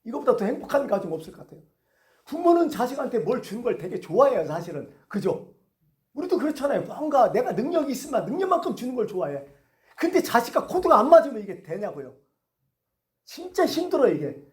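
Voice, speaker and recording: A man's voice: very high voice, big pitch swings, fast. A male pastor giving a conversational sermon, asking the congregation questions as he goes. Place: church sanctuary. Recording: echoey church hall.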